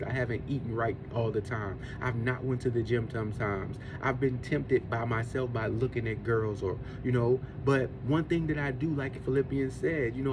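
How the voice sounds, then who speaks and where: A man in his forties, a podcast host, speaks at a medium pitch over background noise. He delivers an earnest, preachy faith-based motivational monologue about discipline and eating, returning again and again to the same points.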